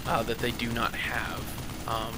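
A man's voice: mid-range voice, completely flat delivery, slow pace, very noisy. A man hosting a casual let's-play, chatty and jokey, yelping at his in-game mishaps. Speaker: gaming channel host.

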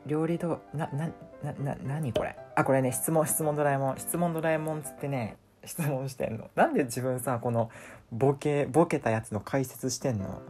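A man with a talks over his own vlog footage in a casual voice-over. His voice is dark and mellow, and he complains in a whiny, exasperated way. Faint music plays behind him. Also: medium pitch, normal speed. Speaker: vlogger.

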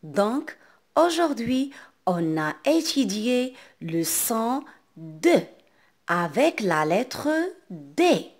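A woman with a North African French accent, teaching a reading lesson to young children and sounding out words clearly. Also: on the high side, very animated. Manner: slow, carefully enunciated, repeating words for children.

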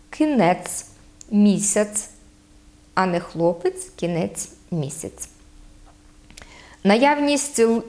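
A woman with a Podillia Ukrainian accent explaining local dialect forms, hesitating with frequent fillers and spelling out sounds slowly. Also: medium pitch, darkish tone.

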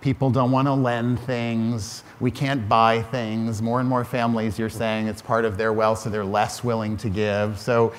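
Middle-aged male panelist, low-ish voice, reflective, restarts phrases; hall reverb, faint noise. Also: flat delivery, a little slow, few pauses. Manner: thoughtful, restarts phrases often. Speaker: museum director on a panel. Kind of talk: panel discussion. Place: large hall on a stage before an audience.

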